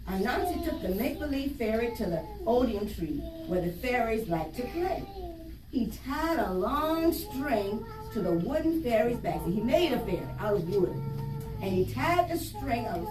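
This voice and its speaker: A woman reading a story aloud to young children, stopping to explain it in simple words and ask them questions. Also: mid-range voice. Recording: roomy, distant mic, faint noise.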